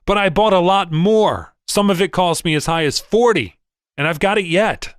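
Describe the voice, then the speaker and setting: A man voicing a small, furious male stock trader who shouts indignantly in an audiobook reading. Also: high-pitched, moderate pace, smooth, no echo, studio quality, pitched above the performer's own voice, close to an everyday voice. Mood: furious shouting.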